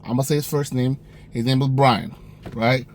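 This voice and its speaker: A young man casually telling a personal story, animated, acting out the dialogue with a raised voice. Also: medium pitch, moderate pace. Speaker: storyteller vlogger.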